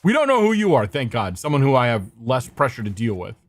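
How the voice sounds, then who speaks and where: A man's voice: medium pitch, huge pitch swings, fast talker, dry recording. A young man streaming a game, thinking aloud in a scattered way, swearing now and then and greeting his chat. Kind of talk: casual gameplay commentary.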